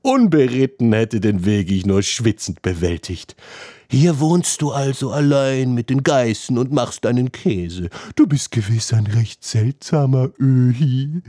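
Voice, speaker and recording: A man's voice: mid-range voice, animated, measured pace, warm tone, no echo, studio quality. A man doing a taunting insolent youth. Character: insolent quarrelsome young man.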